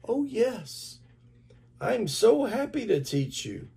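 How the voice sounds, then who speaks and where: A man voicing a squeaky storybook monster boy. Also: huge pitch swings, extremely slow, a little mellow, heavily acted. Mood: happy, excited. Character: furry blue monster boy, eager and sensitive.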